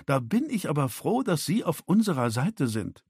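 A cutting, scornful woman with a high voice, as a male narrator puts her on. She hisses short, hostile lines from a husky throat, and her contempt drags the words out slowly. It sounds like a dry, close audiobook reading. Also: very animated, darkish tone, no echo, heavily acted. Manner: hissing, curt, scornful. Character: sharp-tongued hostile woman, adult daughter.

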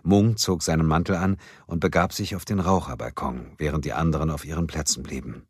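A man narrating a crime novel in a steady, even reading voice. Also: very deep voice, fairly quick, husky, no echo. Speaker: audiobook narrator. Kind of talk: scripted narration.

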